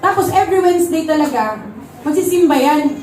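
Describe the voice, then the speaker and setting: A woman pastor preaches in a very high voice and tells stories with animated energy, slipping into English. Her voice echoes through a church hall and is picked up from a distance, with faint ambience behind. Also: brisk, slight background noise. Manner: animated storytelling, switching into English. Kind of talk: sermon. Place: church service.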